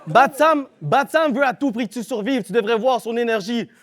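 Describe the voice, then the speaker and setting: A man's voice: extremely high pitch, animated, normal speed, a bit bright. A man with a Québécois accent, performing a live battle rap verse with aggressive, punchy rhymes. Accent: Québécois French. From Quebec. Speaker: battle rapper.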